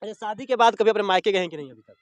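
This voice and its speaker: High-voiced chatty male interviewer. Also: rapid-fire, dry recording. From Bihar. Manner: chatty, prompting with many short fillers. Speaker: news channel interviewer. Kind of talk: casual on-location interview.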